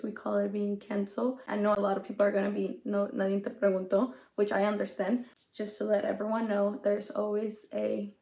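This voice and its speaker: A woman's voice: medium pitch, creaky. Chatty young woman, echoey room. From Mexico. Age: 20s. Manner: chatty, code-switching, with small laughs. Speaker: podcast host. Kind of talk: casual chat mixing English and Spanish. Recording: echoey room, dull lo-fi sound.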